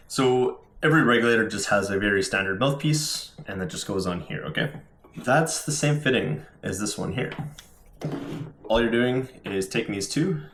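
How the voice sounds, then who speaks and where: A man's voice: on the low side, a bit bright, a little hiss or hum. A man giving a casual, informal product demonstration as a scuba diver, explaining things step by step. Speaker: scuba diver reviewing gear. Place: indoors at home. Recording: roomy indoor echo.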